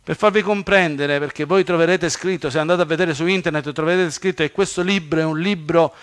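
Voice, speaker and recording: Man, preacher, sermon, slightly high voice, animated delivery. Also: fairly quick, clear, resonant tone. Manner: animated, rises loud on scripture quotes, then drops to asides.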